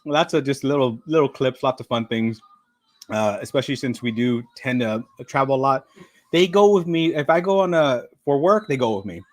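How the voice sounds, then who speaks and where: A man's voice: mid-range voice, normal speed, a little mellow. Chatty middle-aged man hosting a livestream. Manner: rambling, chatty, with frequent fillers; talks while eating. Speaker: livestream host. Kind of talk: casual live-stream chat.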